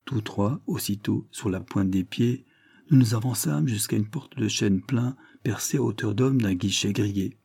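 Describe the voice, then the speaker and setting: Man, audiobook narrator, measured, husky, low voice. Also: a little mellow. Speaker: audiobook reader. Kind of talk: scripted first-person narration.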